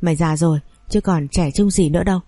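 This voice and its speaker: A woman's voice: fairly low pitch, quick pace, dark tone, no echo, studio quality, faint music behind, close to an everyday voice. Woman voicing a wailing older wife in pain. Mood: anguished. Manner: wailing, pleading curses. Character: older wife, burned legs, in pain, desperate.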